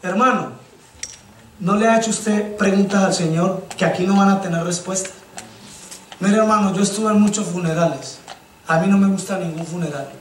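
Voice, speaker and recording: A man's voice: sits high, moderate pace, a little hiss or hum. A man from Colombia, preaching a sermon and telling stories with passion, often calling his listeners brother. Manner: impassioned storytelling, keeps addressing listeners as brother. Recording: echoey church sound from a distant mic.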